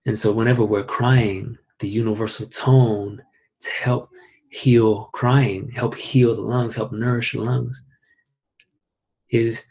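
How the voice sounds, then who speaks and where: A young man teaching an online qigong class in a calm, unhurried way, with rising emphasis and soft asides. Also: mid-range voice, gravelly, husky, dull audio.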